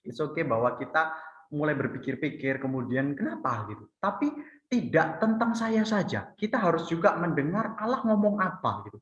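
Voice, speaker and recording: Lively-voiced priest in an echoey room. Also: male voice, fairly high pitch, moderate pace. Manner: lively, storytelling with acted quotes and repeated "gitu". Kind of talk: conversational faith talk. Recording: echoey, muffled room sound.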